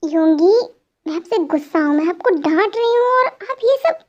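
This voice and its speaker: A woman's voice: very high-pitched, brisk, a little mellow, dull audio. A woman voicing a sulky, scolding young wife. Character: angry pregnant young wife, scolding her husband. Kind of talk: amateur fan dub.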